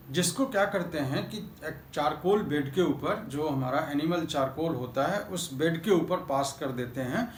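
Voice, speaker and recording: A man teaching a chemistry class in a Hindi-accented voice, mixing English terms into his Hindi and asking questions that he then answers himself. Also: on the high side. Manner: calls students "beta", asks and answers own questions. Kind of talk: classroom lecture. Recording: echoey classroom with faint noise.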